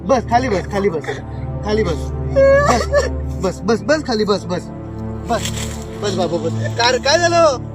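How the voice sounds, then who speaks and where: A man playing a gentle farmer father who soothes his weeping son, repeating calming words. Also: high-pitched, slow pace, pauses often, heavily acted. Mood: soothing. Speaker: actor. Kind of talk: short film acting. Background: film music.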